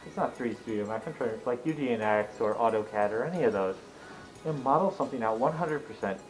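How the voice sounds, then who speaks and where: A man's voice: medium pitch, expressive, fast talker, low-quality recording. A man chatting casually about cars in an emphatic, explanatory, jokey way. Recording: music in the background.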